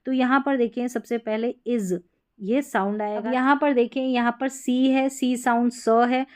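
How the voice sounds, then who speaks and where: A woman with a Hindi accent teaching English pronunciation in a patient explanatory lesson, repeating each example word slowly. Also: on the high side, steady tone, a little mellow, smooth.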